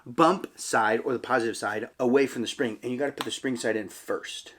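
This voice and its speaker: A man's voice: medium pitch, a little fast, fairly bright tone, a little hiss or hum. A man hosting a casual family unboxing video, patiently explaining each step and talking straight to the viewers. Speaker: channel host and parent.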